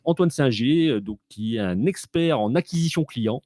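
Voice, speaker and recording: A man's voice: medium pitch, lively intonation, moderate pace, a little mellow, no room sound, studio quality. A man co-hosting a live web radio show, chatting casually with jokes and lots of hesitations. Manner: jokey, hesitant with many fillers. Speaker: co-host.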